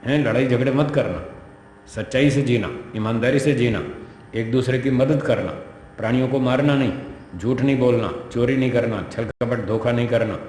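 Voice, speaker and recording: A spiritual teacher lectures students on a scripture, explaining it conversationally and acting out the dialogue. His medium-pitched, slightly mellow voice rings around a large hall with a long reverb tail, over faint background noise.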